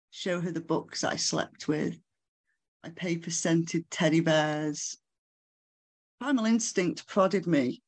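At a live book launch, a poet with a medium-pitched voice reads her own poems slowly and in a measured way. Between pieces she breaks off for relaxed, chatty remarks full of fillers.

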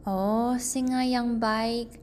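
A woman voicing a small mother mouse in a storybook, pleading slowly. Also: fairly high pitch, steady tone, a little hiss or hum, voice pushed up. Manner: pleading, slow and soft-spoken.

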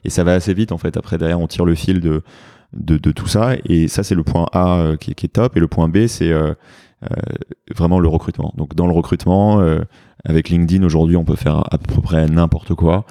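A French man with a very deep, mellow voice explains his fitness business in an interview. He hesitates often and fills pauses with fillers. The recording is close and dry. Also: steady tone, no echo. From France. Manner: hesitant, many fillers and restarts. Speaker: fitness studio founder.

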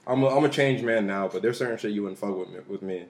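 A man's voice: on the low side, quick pace, echoey room. A man co-hosting a casual podcast, talking in emphatic slang and repeating his phrases. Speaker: podcast co-host.

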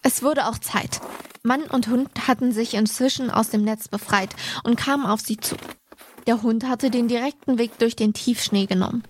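A woman co-hosting a podcast, reading a book passage aloud in a steady, expressive way. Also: on the high side, moderate pace, a little hiss or hum. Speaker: podcast co-host.

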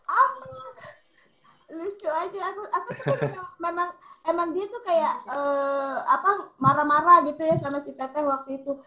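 A high, bright voice muses through an observation in casual chat, pausing to find the right words. The sound is a bit dull and lo-fi.

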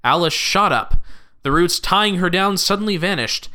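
Male narrator for audio drama, high-ish, bright and animated delivery. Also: moderate pace, clean tone. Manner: lively, expressive storytelling.

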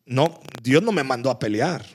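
A man's voice: mid-range voice, normal speed, slightly rough. Earnest pastor telling his story. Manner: earnest storytelling, repeats words when excited. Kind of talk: casual faith conversation.

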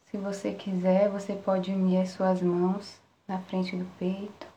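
A Brazilian woman guiding a relaxation meditation in a soft, soothing spa-like manner, with long pauses between short phrases. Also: mid-range voice, completely flat delivery. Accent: Brazilian Portuguese. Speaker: meditation guide. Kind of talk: guided relaxation meditation, live. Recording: roomy echo, faint background noise.

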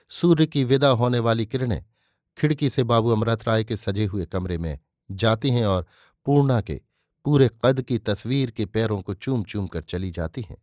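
A man reading a literary story aloud in measured, scripted narration. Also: on the low side, a little mellow, no room sound, studio quality.

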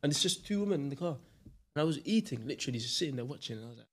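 A man telling a story in a casual chat, animated and slangy. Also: mid-range voice, very fast, a little hiss or hum.

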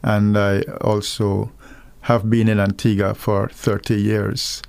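A middle-aged man from Guyana with a Guyanese accent, speaking as a guest minister on a radio call-in program, earnest and measured. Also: on the low side, flat delivery, gravelly, a little mellow, smooth. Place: radio studio.

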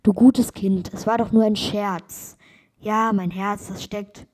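A woman voicing a calm, sly old man in a read-aloud fairy tale, speaking slowly and with gentle amusement. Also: mid-range voice.

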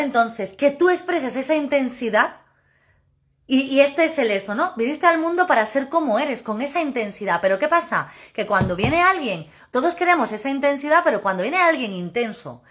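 A woman, hosting a casual live stream as a personal development coach, talking loudly and emphatically and laughing often. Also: high-pitched.

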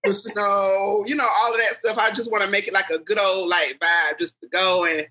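A woman in her thirties chatting casually with friends, animated and slangy, laughing often. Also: mid-range voice, normal speed. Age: 30s. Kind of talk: casual chat among friends.

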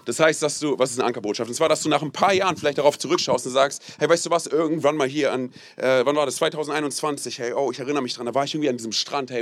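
A young man as a pastor giving a casual, animated sermon, peppered with "hey" and asking the audience to repeat phrases. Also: mid-range voice. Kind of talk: lively sermon.

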